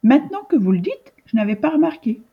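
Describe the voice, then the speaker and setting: A woman's voice: high voice, very animated, quick pace, slightly rough, lo-fi sound, voice pushed up, full character voice. A woman voicing a stiff, curt male minister who speaks in a dry tone.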